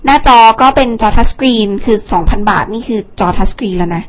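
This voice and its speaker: A woman's voice: medium pitch, lively intonation, fast talker, a little hiss or hum. A young woman hosting a casual phone rundown, chatty, with fillers and asides. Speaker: tech show host.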